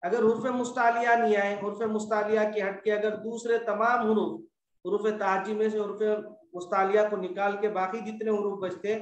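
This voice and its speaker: Male tajweed teacher, high voice, patient and repetitive, drawn-out examples, echoey room. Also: flat delivery, recorded from a distance, a little hiss or hum. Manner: patient, repetitive explaining, stretches out example words. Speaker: Quran recitation teacher. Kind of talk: classroom lesson on tajweed rules.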